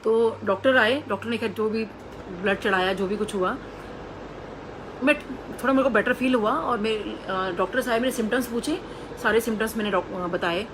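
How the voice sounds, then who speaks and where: A woman's voice: a little high, normal speed, noisy background. A woman telling an earnest personal testimony to a congregation, acting out the voices of the people she quotes. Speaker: devotee sharing a testimony.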